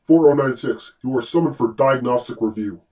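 A man voicing a malfunctioning male facility AI that glitches and repeats itself in flat, clipped announcements, heard from a distance. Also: mid-range voice, a little fast, natural voice. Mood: glitching, failing. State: glitching, stuttering system errors and repeats. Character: malfunctioning facility AI system, male, cold, mechanical.

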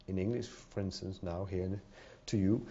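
A deep, dark, slightly rough voice belongs to a middle-aged Dutch-accented conference speaker at a podium. He talks at normal speed with fairly even intonation but hesitates, using many fillers and repeated words before a hall audience. The podium microphone yields a dull lo-fi sound.

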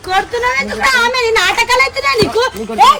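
A woman's voice: extremely high pitch, rapid-fire, very noisy. A woman, scolding and arguing her way through an improvised comedy skit outdoors. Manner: scolding, argumentative.

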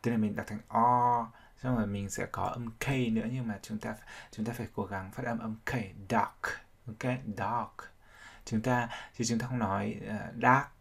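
Male teacher, husky gravelly voice, drills pronunciation patiently. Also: lowish voice, steady tone, a little fast, few pauses. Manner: explains sounds step by step, repeating words to drill them. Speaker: English teacher. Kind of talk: vocabulary pronunciation lesson.

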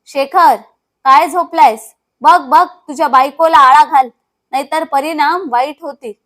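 A woman's voice: high-pitched, measured pace. A woman reading aloud voices an older father-in-law, a domineering household tyrant who barks his words with scorn. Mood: shouting. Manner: barking, scornful.

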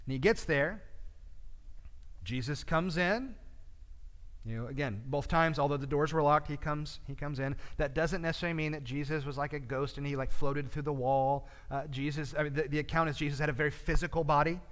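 Man, Bible study teacher, conversational, frequent fillers, fairly high voice, long church reverb. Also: steady tone, brisk, fairly bright tone.

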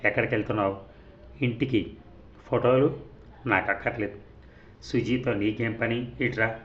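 A man voicing a smooth young photographer. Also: fairly low pitch, steady tone, moderate pace, muffled recording, natural voice. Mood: curt. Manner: coaxing, then curt and commanding.

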